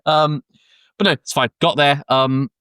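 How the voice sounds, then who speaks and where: A man's voice: a little high, fairly even intonation, a little slow, fairly bright tone, clean tone, no room sound, studio quality. A young British man co-hosting a podcast, rambling through an anecdote with swearing, laughs and many ums. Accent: British English. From Britain. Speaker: podcast co-host. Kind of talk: casual podcast chat. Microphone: close podcast mic, dry sound.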